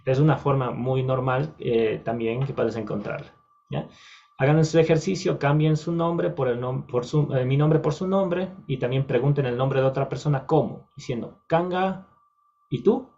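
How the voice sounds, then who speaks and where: A man explains a language lesson to the camera at a patient, steady pace, often pausing on fillers and correcting himself mid-word. His voice sits at a middling pitch for a man. The audio is dull and slightly lo-fi. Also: vocal fry. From Ecuador. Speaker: language teacher. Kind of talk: recorded video lesson.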